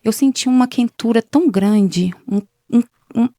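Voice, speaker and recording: A young adult woman talks through her personal testimony as an interview guest. She tells it conversationally, acting out the quoted exchanges in between. Her voice has a gravelly, fry-tinged texture, and the sound is dry and close with no room echo. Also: a little high, moderate pace, dark tone. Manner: retells events with many quoted exchanges in a conversational way. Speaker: guest sharing a faith testimony.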